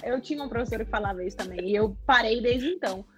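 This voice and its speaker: A woman's voice: a little high, very fast, music in the background. A woman hosting a podcast as a psychologist, chatting casually and laughing often.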